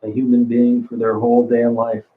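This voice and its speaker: In a flat, monotone mid-range voice at ordinary speed, a man in his sixties reads his livestream chat and chats casually. He rambles, curses constantly, and often restarts sentences. There's slight background noise and a phone-like narrowness to the sound.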